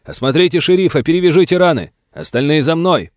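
A man's voice: lowish voice, brisk, a little mellow, no room sound, clean studio sound, natural voice. A man doing a nervous young deputy. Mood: urgent. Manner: tense, urgent. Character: young male deputy, nervous but brave.

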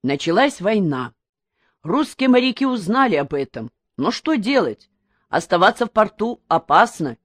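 A woman's voice: medium pitch, sing-song, moderate pace, no room sound, clean studio sound, voice pushed up. A woman voicing an eager, bookish teenage boy who retells a story he read.

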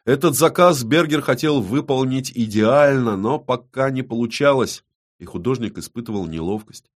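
A man narrating an audiobook in an even, measured reading. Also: mid-range voice.

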